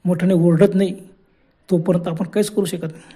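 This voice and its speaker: A man voicing a calm, watchful man on a night train, speaking low and urging restraint in a horror story. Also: fast talker, husky. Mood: hushed, cautious.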